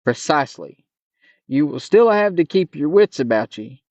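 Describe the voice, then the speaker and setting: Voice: mid-range voice, very animated, moderate pace, darkish tone, no room sound. A reader voicing a curt old male magician with old-fashioned speech, on a dull, muffled recording.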